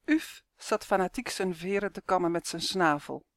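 A woman reading a children's storybook aloud in a calm, even narrating manner. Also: on the low side, normal speed, dry recording, clean studio sound. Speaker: audiobook narrator.

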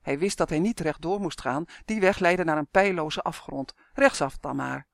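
A calm audiobook narrator reads a children's story at a steady, measured pace. The voice sits mid-range, and the recording is dry and close with no room sound. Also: medium pitch, creaky, no echo. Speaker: audiobook reader. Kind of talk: scripted narration.

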